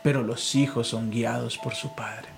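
A man's voice: medium pitch, fairly even intonation, a little slow, vocal fry, music in the background, rough recording. A man, a pastor and podcast host, preaching casually, telling stories and leading a call-and-response prayer. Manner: leads call-and-response prayer, fervent and storytelling.

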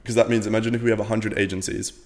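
A man's voice: fairly low pitch, flat delivery, very fast, a little mellow, long reverb tail. A young man from Latvia, a podcast guest, chatting casually in a rambling way with lots of fillers and the odd swear word. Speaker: podcast guest, business owner.

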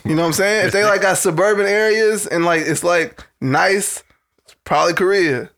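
A man's voice: high voice, fairly bright tone. A young man co-hosting a podcast, bantering and cracking jokes in casual chat. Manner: quick joking banter. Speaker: podcast co-host.

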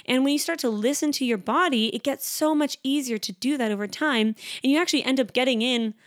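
A young woman in her twenties hosting a casual solo podcast, talking fast and chatty with lots of "like" fillers. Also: sits high, no room sound, clean studio sound. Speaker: podcast host.

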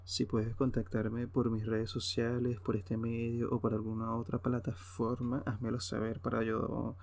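A podcast host with a Venezuelan accent talks without a script on his own show, hesitating and drifting casually between thoughts. His voice is medium-pitched, gravelly and darkish.

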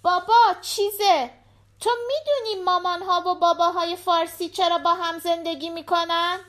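A woman's voice: very high-pitched, steady tone, a bit bright, voice pushed up. A woman voicing a small, talkative little girl who keeps asking questions in a short-story audiobook. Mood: curious. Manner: chatty, questioning, quick. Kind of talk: audiobook character voice.

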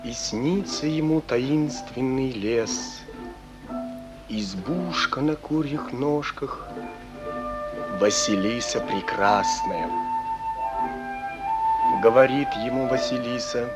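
A man calmly reading the stage directions as narrator of a radio drama. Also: mid-range voice, slow, long pauses, over loud music, poor audio.

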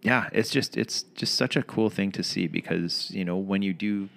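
A man in his forties with a fairly low voice talks as a fitness coach. His manner is easygoing and casual, full of loose fillers. He is chatting in a gym. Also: normal speed, creaky. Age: 40s. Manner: relaxed, easygoing, with many fillers like "like" and "you know". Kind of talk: casual chat.

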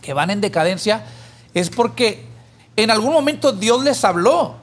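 Animated high-voiced man telling a parable. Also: moderate pace. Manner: animated storyteller who raises his voice for the pleading character. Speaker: podcast co-host. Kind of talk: conversational church teaching, telling a parable.

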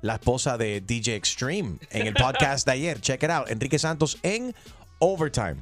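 A man's voice: medium pitch, normal speed, soft background music. A man hosting a morning radio show, joking with co-hosts and callers and translating clips. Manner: animated, translates clips for listeners. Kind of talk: fast morning radio banter.

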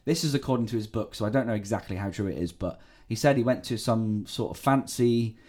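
A man's voice: fairly low pitch, a little fast, a little mellow. Male podcast co-host; loose, rambling, salty storyteller. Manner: rambling, swears freely, breaks into laughs. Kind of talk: casual true-crime podcast chat.

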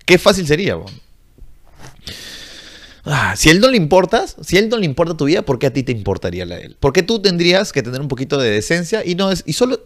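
A young man, ranting bluntly and profanely to camera in a casual vlog. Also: on the high side. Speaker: vlogger.

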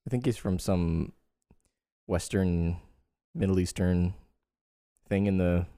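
A man's voice: deep voice, steady tone, slow, mellow, dry recording, clean studio sound. A man co-hosting a casual podcast, rambling and laughing a lot. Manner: laughs often, rambling, playful. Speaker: podcast co-host. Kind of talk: casual chat.

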